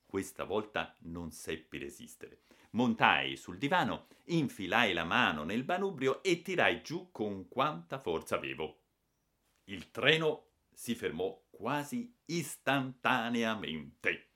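A man narrating a storybook in an expressive reading style. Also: fairly low pitch, slow pace. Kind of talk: audiobook reading.

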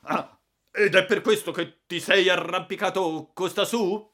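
A man voicing a flustered, irate older salesman who shouts and sputters in outbursts. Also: high-pitched, steady tone, unhurried, voice pushed up. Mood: furious.

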